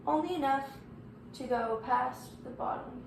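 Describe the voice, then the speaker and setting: A woman presenting a casual step-by-step home baking tutorial, giving instructions in halting, short fragments. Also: sits high. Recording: roomy echo, clearly noisy background.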